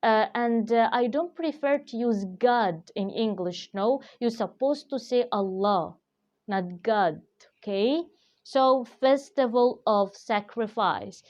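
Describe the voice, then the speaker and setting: A woman teaching English vocabulary, explaining slowly and carefully with frequent fillers. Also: on the high side, darkish tone. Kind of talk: vocabulary lesson. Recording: dull lo-fi recording.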